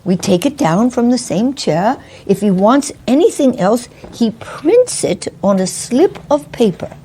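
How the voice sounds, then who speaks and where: Woman as anxious Victorian landlady, high swooping voice, slow, deferential, stammering, mystery drama. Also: sing-song, warm tone, a little hiss or hum.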